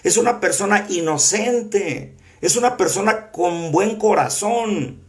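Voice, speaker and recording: A male preacher with a slightly high-pitched voice teaches a Bible class. He talks earnestly and conversationally, weaving scripture quotes in with frequent fillers and false starts. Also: slow pace. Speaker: apostle teaching a prophetic school class. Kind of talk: sermon-style Bible teaching.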